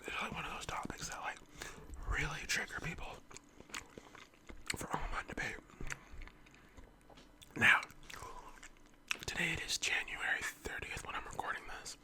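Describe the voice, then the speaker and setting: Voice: mid-range voice, moderate pace, long pauses. An ASMR host of unclear sex whispers close to the mic, as if leaning in, in an informal, meandering casual chat. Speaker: ASMR eating-video host.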